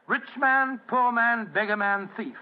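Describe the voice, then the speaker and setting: An actor playing a genial, fussy older English doctor, narrating and acting in an old-time radio drama. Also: male voice, very high voice, unhurried, smooth, phone-quality sound. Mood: genial, storytelling. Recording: thin, band-limited vintage radio recording.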